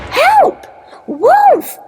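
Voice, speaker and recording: A woman's voice: very high-pitched, huge pitch swings, slow pace, a little mellow, voice pushed up, full character voice. A woman voicing an innocent, anxious little girl in a storybook tale. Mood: panicked.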